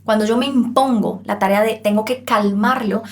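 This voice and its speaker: A woman who is a parenting expert, explaining on a podcast in an animated way and acting out the voices of parents and children. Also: mid-range voice, moderate pace.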